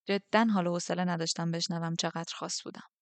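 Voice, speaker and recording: Low-pitched woman narrator, steady subdued reading; dry, close. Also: no echo. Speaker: audiobook narrator. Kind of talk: scripted first-person narration.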